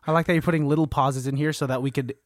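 A man's voice: on the high side, fairly even intonation, very fast, no echo, studio quality. A man co-hosting a casual movie podcast, joking and teasing, often laughing and swearing casually. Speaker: podcast co-host. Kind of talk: casual chat.

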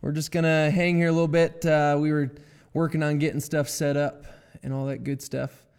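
Gravelly guy kicking off a livestream, kinda high voice, chatty and upbeat, hums while he waits. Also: little pitch movement, normal speed, a little mellow. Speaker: livestream host. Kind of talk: casual live-stream chat.

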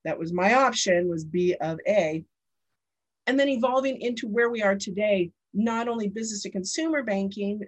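A woman's voice: medium pitch, moderate pace. A woman in her fifties hosting a podcast, chatting casually and telling personal stories. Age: 50s. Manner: chatty and storytelling. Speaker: podcast host.

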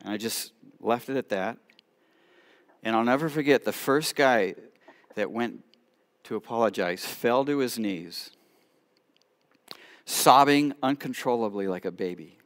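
A middle-aged man, a rabbi, telling stories to a congregation with animated delivery and quiet asides. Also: medium pitch, unhurried, long pauses. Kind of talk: storytelling talk to a congregation.

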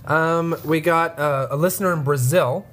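A woman's voice: sits low, moderate pace, slight background noise. A woman co-hosting a casual podcast, talking in a rambling way full of fillers and restarts, and sounding stuffed up. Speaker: podcast co-host.

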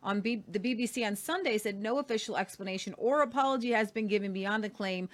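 A woman hosting a news talk show reads articles aloud with her own commentary, steady but peppered with frequent "uh" fillers. Her voice is mid-range and she talks fast.

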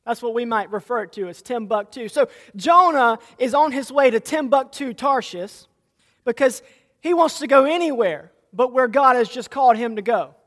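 Reading from scripture, a pastor delivers an animated sermon in a fairly bright, mid-range voice at normal speed. He throws rhetorical questions at the congregation and frequently restarts or repeats words, all under a long hall reverb.

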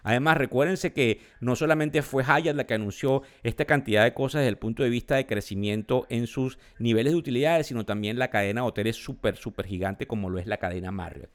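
A man's voice: medium pitch, brisk, few pauses. A man from Venezuela hosting a financial market show, explaining the news to his listeners and defining the terms as he goes.

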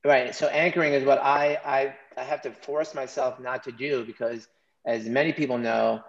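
A man with a gravelly voice talks through a clinical case in an online panel, repeating words as he works his thoughts out. His audio is lo-fi and dull, and his room is roomy and echoey. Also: medium pitch, steady tone, moderate pace. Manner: restarts often, thinks aloud. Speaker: emergency physician panelist.

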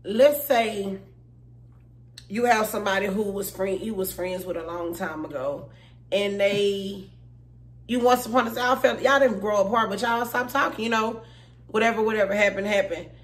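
A woman's voice: medium pitch, moderate pace. Woman, podcast co-host, casual chat, blunt, emphatic, repeats herself.

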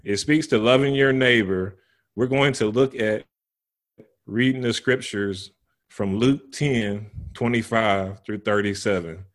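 Low-voiced man hosting a church panel. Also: unhurried. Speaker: panel host. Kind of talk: introducing a church panel discussion.

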